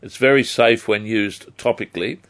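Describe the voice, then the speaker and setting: An Australian man giving health advice on a live phone-in, measured and formally worded. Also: lowish voice, a bit bright. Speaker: health advice expert on radio.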